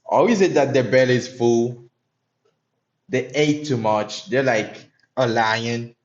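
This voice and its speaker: A man's voice: medium pitch, takes it slowly, lo-fi sound. A young man from Haiti, commenting on his trades live and chatting with viewers in a loose, profane way. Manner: loose and profane, talks to chat. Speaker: live-streaming day trader. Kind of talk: casual live-stream commentary.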